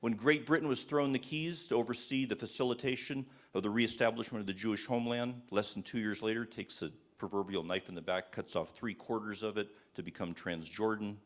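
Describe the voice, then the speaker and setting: A man's voice: on the low side, fairly even intonation, a little fast, few pauses. A man giving an impassioned, sermon-style talk to a live audience, firing rhetorical questions and restarting his sentences often. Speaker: speaker at a church event.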